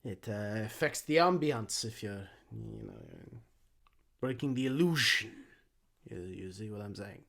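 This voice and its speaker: A man's voice: lowish voice, very animated, measured pace, gravelly, fairly bright tone, voice pushed down, heavily acted. A man voicing a fussy, nosy old male gnome exhibitor who speaks hesitantly. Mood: suspicious.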